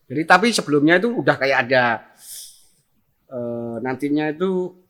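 A man's voice: on the high side, expressive, normal speed, a bit bright. A man with a Javanese accent telling a story in casual chat, acting out scenes with sound effects. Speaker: guest telling a tall tale.

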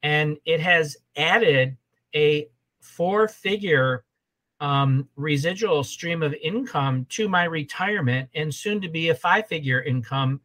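A man's voice: a little high, animated, slow pace, a bit bright, poor audio. A man in his sixties, a holistic health coach, talking as a podcast guest and repeating his points in a rambling way. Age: 60s. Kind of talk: casual podcast conversation.

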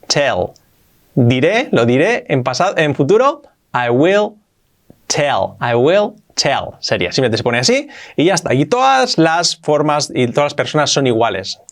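Lively Spanish-accented English teacher. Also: male voice, fairly high pitch. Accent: Spain Spanish. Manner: lively, emphatic, repeats example sentences. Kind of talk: video lesson for Spanish speakers.

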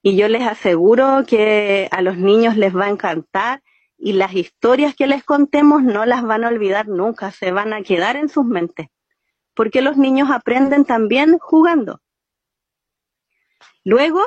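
A woman explains storytelling techniques patiently and step by step. Her voice sits a little high. The recording is dull and dry. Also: husky, no echo. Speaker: storytelling teacher. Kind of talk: explanatory interview talk. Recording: muffled, dry sound.

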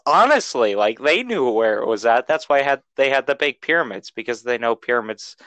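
A man's voice: mid-range voice, expressive, fairly quick, fairly bright tone, no echo, low-quality recording. A man co-hosting a podcast in casual banter, rambling, stumbling over words and laughing often. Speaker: podcast co-host.

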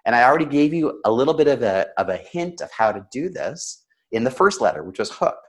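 A man who is slightly sick, coaching conversationally with examples in a practised storyteller's delivery, with emotion and deliberate pauses. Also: mid-range voice, sing-song. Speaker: storytelling coach and interview guest.

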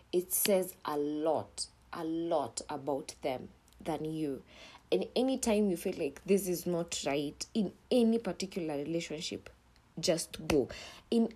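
A woman's voice: lowish voice, warm tone, slightly rough. A young woman with a Kenyan accent hosting her own podcast in a casual, blunt monologue, swearing freely and mixing in Swahili slang, sometimes dropping to a near whisper. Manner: drops to a whisper at times. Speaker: podcast host.

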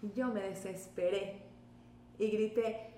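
A woman's voice: mid-range voice, fairly even intonation, slow pace, warm tone, echoey room, slight background noise. A young adult woman, co-hosting a web show and telling stories in casual chat, laughing often. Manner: chatty storyteller, laughs often.

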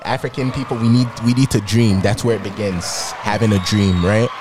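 A man's voice: fairly low pitch, steady tone, brisk, music in the background. A man hosting a podcast in a casual, upbeat and encouraging way. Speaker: podcast host. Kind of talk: casual podcast interview chat.

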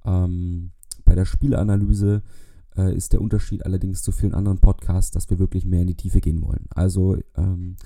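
Low gravelly man hosting a podcast. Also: level tone, a little fast, warm tone. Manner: explanatory, many filler hesitations. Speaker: podcast host. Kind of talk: solo podcast monologue.

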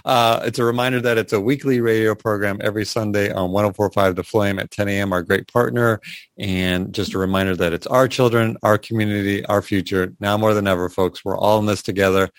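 A man's voice: on the low side, steady tone, brisk, dry recording. A man hosting a weekly community radio show, chatting casually and laughing easily with his guests.

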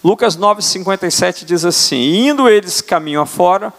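Older man preaching, high voice, echoing church. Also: animated, normal speed, fairly bright tone. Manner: earnest preaching, tag questions. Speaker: apostle preaching. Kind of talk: sermon. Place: church sanctuary. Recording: church hall reverb.

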